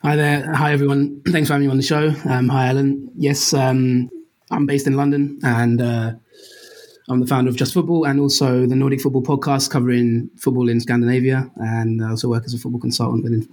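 A man introducing himself casually as a football podcast guest, halting and modest in his way of talking. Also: mid-range voice, level tone, darkish tone.

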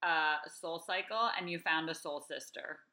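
A woman's voice: deep voice, moderate pace, sharp tone. A woman around thirty hosting a podcast, affirming and enthusiastic in casual conversation. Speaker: podcast host. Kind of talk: casual interview chat. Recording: roomy echo.

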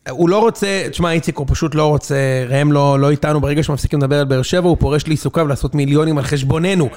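Man co-host, high-pitched, animated, jokey, rambling sports banter. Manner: animated, joking, laughs often. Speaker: podcast co-host.

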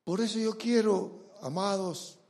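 A man preaching a sermon with emphasis, urging his listeners again and again to look and pay attention, and swinging between loud and hushed delivery. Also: high voice, a little slow. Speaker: pastor.

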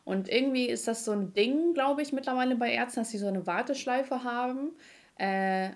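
A woman hosting a podcast, telling a story in a lively, slangy way with frequent laughter. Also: on the high side, normal speed. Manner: animated, slangy, laughs often. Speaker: podcast host. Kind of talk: casual storytelling chat.

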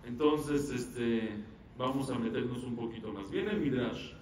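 A rabbi giving an animated Torah lecture, asking the audience questions and answering them himself. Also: male voice, medium pitch, a little slow, noisy background. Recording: echoey room, mic at a distance.

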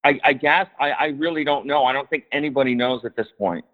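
A man's voice: medium pitch, quick pace. Man calling in on a choppy phone line. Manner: rambling, hedging, swears casually. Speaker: caller. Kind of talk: casual call-in chat.

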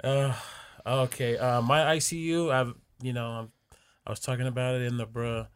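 A man co-hosting a casual talk show, relaxed and slangy, laughing easily. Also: mid-range voice, normal speed, clean tone. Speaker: radio show co-host. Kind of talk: casual radio chat.

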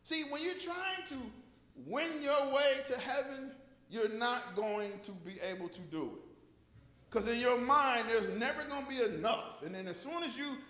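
Preaching casually to a congregation, an American man uses repetition for emphasis and invites call and response. His very high-pitched voice is pushed and bright, moving a little slowly. The large room gives the recording a long, echoey reverb.

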